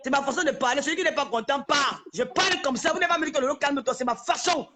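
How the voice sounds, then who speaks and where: A woman, ranting live and trading insults with her critics. Her voice sits high and sounds bright and sharp, and she runs on in a heated, confrontational tone. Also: fast talker. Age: 40s. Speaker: social media personality. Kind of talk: live-stream rant.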